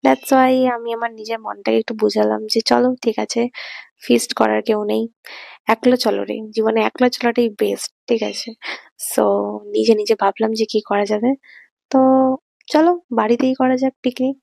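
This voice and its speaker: A woman giving a chatty voice-over for her vlog, her throat a little hoarse this morning, mixing in English words. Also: on the high side, fairly even intonation, moderate pace, a little mellow, no echo. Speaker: vlogger. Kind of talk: casual voice-over narration. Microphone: voice-over mic.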